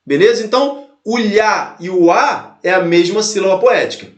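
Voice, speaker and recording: High-voiced man teaching in an echoey room. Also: lively intonation, moderate pace. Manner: explains step by step, repeats points, checks in with "tá?". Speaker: Portuguese teacher. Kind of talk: exam-prep lesson.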